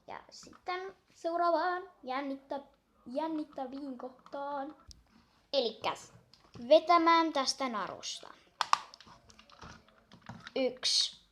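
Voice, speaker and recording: A young girl chatting casually while unboxing a toy, gushing and excitable, counting down aloud. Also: high-pitched.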